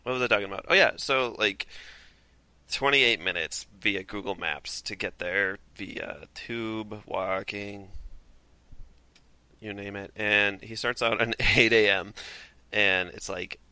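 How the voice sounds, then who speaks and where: Minnesotan man, casual podcast talker, low but bright tone, self-deprecating. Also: takes it slowly, no echo. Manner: rambling, laughs often, self-deprecating.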